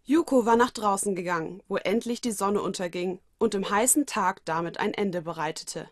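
A woman narrating a fan fiction story in a steady storytelling voice. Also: mid-range voice, normal speed, no echo, clean studio sound. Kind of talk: audiobook reading of fan fiction.

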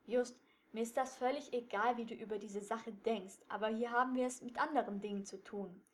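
A woman voicing a nervous teenage boy who is sure there is a ghost, talking excitedly and defensively. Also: a little high, a little fast, natural voice.

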